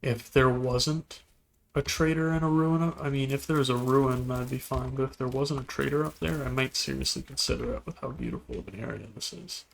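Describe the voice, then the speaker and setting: A man giving relaxed, musing commentary while playing a video game, now and then talking to things on screen. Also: medium pitch, fairly quick, vocal fry, slight background noise. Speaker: gameplay video host. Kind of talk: casual gameplay commentary.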